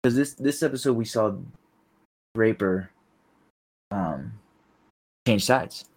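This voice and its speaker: A man co-hosting a podcast, chatting casually with his brother. His voice is on the low side. He hesitates often and fills the gaps with ums. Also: slow pace. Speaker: podcast co-host. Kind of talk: casual chat.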